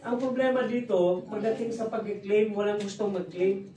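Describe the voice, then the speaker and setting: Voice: medium pitch, moderate pace, warm tone, distant mic. A business presenter giving a jokey seminar talk, who keeps quizzing a live audience in an office hall. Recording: roomy hall, recorded from afar with audience noise.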